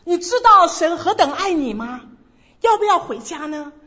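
A woman preaching an evangelistic sermon, gently asking her listeners a long string of rhetorical questions. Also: very high-pitched, big pitch swings, moderate pace, muffled recording.

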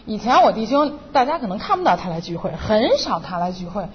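A woman's voice: mid-range voice, sing-song, a little fast, breathy edge. A middle-aged woman giving an earnest, emotional personal testimony at church. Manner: earnest and emotional, re-enacting her own prayers. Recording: muffled, reverberant hall with faint noise.

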